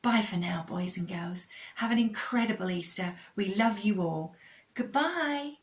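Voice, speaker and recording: Her voice on the low side and her pace normal, a woman in the role of a kids show host narrates a religious-themed children's story with lots of expression, turning to speak directly to young listeners.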